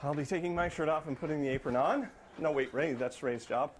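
A man in his forties hosting a live morning TV segment in a studio kitchen, chatty and upbeat, quick to laugh, on a lapel mic. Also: fairly high pitch, a little hiss or hum. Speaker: morning TV host. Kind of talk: live morning show banter.

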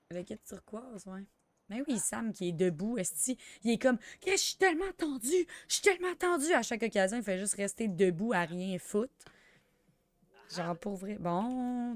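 A young woman with a Quebec French accent chatting through a life-sim game, excitable and sprinkling in English slang. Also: mid-range voice, no room sound. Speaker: gamer. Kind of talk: let's play commentary.

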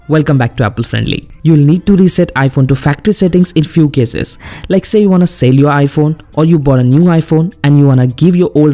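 A man hosting a step-by-step phone tutorial as a voice-over, giving plain, brisk instructions. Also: fairly high pitch, mellow. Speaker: tech tutorial host.

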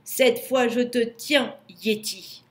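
A woman voicing a stubborn, determined young male wolf in a storybook, calling out high and loud. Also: fairly even intonation, slow pace. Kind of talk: storybook reading.

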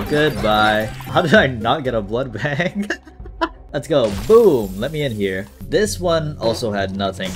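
A young man giving casual, excitable commentary while playing a video game, laughing often and talking to himself. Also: medium pitch. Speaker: gaming YouTuber.

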